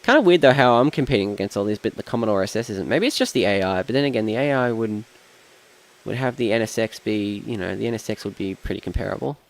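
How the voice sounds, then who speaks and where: A man's voice: on the low side, expressive, quick pace, creaky. A young Australian man casually commenting on a racing game while he plays, rambling and thinking aloud, often trailing off mid-sentence. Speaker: streamer.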